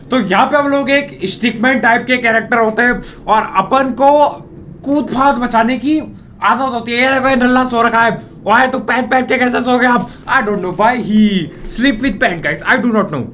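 A man's voice: very high-pitched, normal speed, slight background noise. A man with a sore throat, giving casual, jokey let's-play commentary over a game and teasing the character he controls. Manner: excitable, jokey, mock-insults the character. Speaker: gaming YouTuber.

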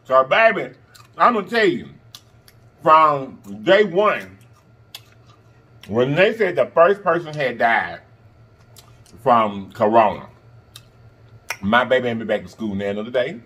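A man with a husky voice, chatting casually and emphatically as he eats crunchy fried chicken, often pausing and humming between bites. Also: mid-range voice, animated, bright, forceful tone. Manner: eating crunchy fried chicken while talking, with pauses and mm-hums; sassy, emphatic, repeats phrases for emphasis. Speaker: mukbang host. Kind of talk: casual chat while eating. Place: indoors in front of a green backdrop at a table of food.

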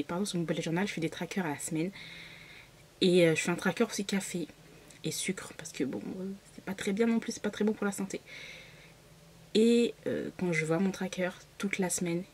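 Breathy, low-voiced woman. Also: a little mellow. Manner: chatty and bubbly, with frequent fillers and laughs. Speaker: booktuber. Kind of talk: casual chatty vlog.

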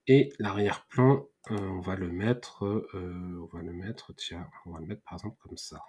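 Male tutorial host, lower pitch, hesitant thinking-aloud delivery, keyboard clicks in background. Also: normal speed, mellow, breathy edge. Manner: hesitant, many fillers and restarts, thinking aloud. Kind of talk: screen-recorded software tutorial. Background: mouse clicks and typing.

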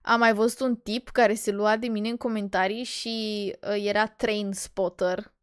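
A young woman from Romania streaming, ranting casually and sarcastically with dramatic swings between muttering and loud outbursts. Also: flat delivery, smooth. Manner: exasperated, sarcastic, dramatic swings in loudness and pitch. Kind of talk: casual rant.

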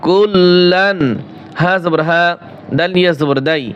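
A man with a high voice teaches Quran recitation, spelling out each word slowly and deliberately. He breaks into long, melodic chanting of the words between quick explanations. A faint hiss of background noise sits under his voice. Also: steady tone, muffled recording. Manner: asks questions then answers them himself.

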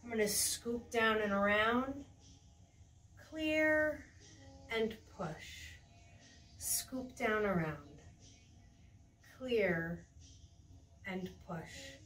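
A middle-aged woman with a medium-pitched, fairly bright voice leads a tai chi lesson in a small carpeted indoor room, giving serene, encouraging, unhurried step-by-step movement cues. A distant room mic picks her up along with faint music and slight background noise.

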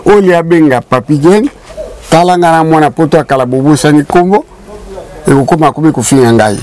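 An older man from Congo Kinshasa sits in a small indoor studio as a show guest, recounting community history through casual storytelling. His voice is on the high side and slightly mellow, and he speaks emphatically, switching between French and Lingala. The audio quality is poor.

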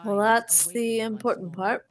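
A woman gamer with a fairly high voice who takes her time. She chats casually and playfully with her teammates, joking as she plays. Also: fairly even intonation, unhurried. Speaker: gamer in a group stream. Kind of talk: casual gaming chat.

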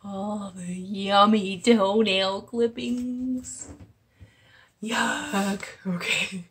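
A woman's voice: medium pitch, fairly even intonation, extremely slow, fairly bright tone, low-quality recording. A woman in her thirties chatting upbeat through a casual how-to vlog, filmed at arm's length. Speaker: vlogger. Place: home room and outdoor deck.

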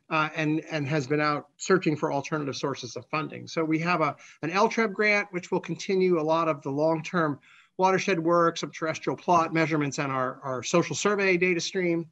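A man giving a conversational scientific slide presentation as a researcher, halting, with repeated words and false starts. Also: a little high, fairly bright tone, lo-fi sound.

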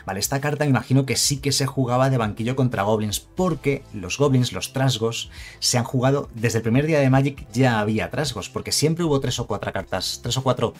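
A man's voice: mid-range voice, a little fast, faint music behind. A man giving casual live commentary on a card game, rambling and chatty, with asides and self-corrections.

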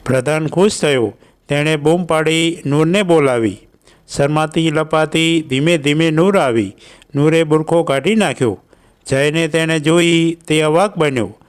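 Clear-voiced male storyteller. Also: on the high side, unhurried. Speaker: narrator. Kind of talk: storytelling narration.

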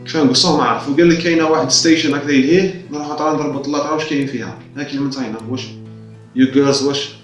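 Young gamer guy rambling fast over game music, roomy distant mic. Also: mid-range voice, fairly even intonation. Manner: chatty, quick, mixing English game lines into Arabic. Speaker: gaming YouTuber. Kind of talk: let's play commentary.

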